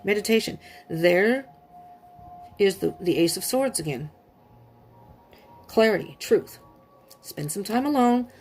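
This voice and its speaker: Chatty woman doing a tarot reading at home, keeps asking "all right?", soft music behind. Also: medium pitch, animated, takes it slowly, long pauses. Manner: chatty, checks in with listeners. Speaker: tarot reader.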